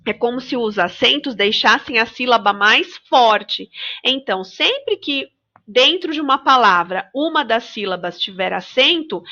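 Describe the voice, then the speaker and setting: A woman teacher with a Brazilian Portuguese accent gives a patient remote lesson to young children and draws out each example word slowly. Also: on the high side, bright, forceful tone, lo-fi sound. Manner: slow, drawn-out pronunciation of example words; patient, addresses children directly. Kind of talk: remote primary school lesson.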